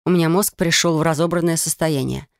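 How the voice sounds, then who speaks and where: Woman narrator, fantasy audiobook, lively delivery, lower voice, dry close sound. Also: brisk, gravelly, dry recording. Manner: lively, voices characters' lines.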